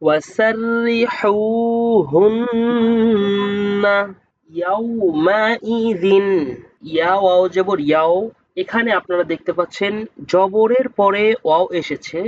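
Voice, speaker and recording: A man teaching Quran reading, who spells out each letter and vowel mark and then slowly draws out the joined word. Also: high-pitched, muffled recording. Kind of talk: step-by-step spelling lesson.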